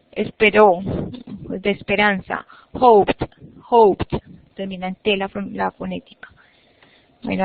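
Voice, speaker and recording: A woman teaching an English class online, explaining patiently and repeating words slowly. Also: mid-range voice, no room sound. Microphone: video call. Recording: muffled online call audio.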